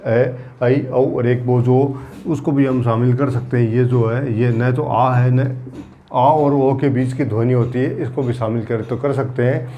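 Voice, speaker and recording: A man's voice: mid-range voice, muffled recording, a little hiss or hum. A man teaching Hindi grammar in an exam-prep lecture, repeating key points and using everyday examples to drill them.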